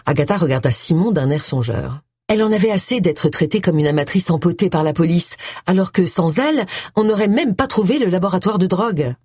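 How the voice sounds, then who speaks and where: A woman reading a story aloud as an audiobook narrator, with a steady, even delivery. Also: fairly low pitch, a little fast, breathy edge, no echo. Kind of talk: scripted narration. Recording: dry close studio sound.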